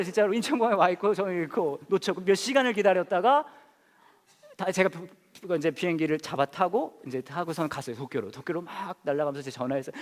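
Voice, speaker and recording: A man preaching a sermon in an animated, comic storytelling way, full of fillers. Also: a little high, big-room sound. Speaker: pastor.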